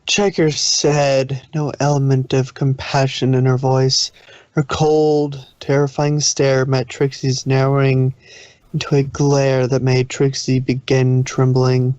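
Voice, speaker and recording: Reading fan fiction aloud, a man narrates in a medium-pitched, monotone, slow and slightly mellow voice, occasionally stumbling over the text. The recording is very dry, a little muffled, with no room sound.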